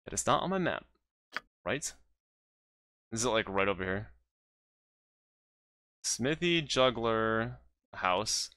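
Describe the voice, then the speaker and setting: Lively, bright-voiced gaming commentator man. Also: fairly low pitch, takes it slowly, pauses often, dry recording. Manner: chatty, self-mocking, talks to the game characters. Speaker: let's play host. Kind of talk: casual gameplay commentary.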